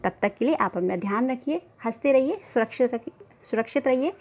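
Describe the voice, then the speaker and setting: A woman's voice: a little high, lively intonation, a little fast, a little mellow. A woman giving an online grammar lesson, asking questions and answering them herself, and drawing out sounds to demonstrate them. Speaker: Hindi grammar teacher.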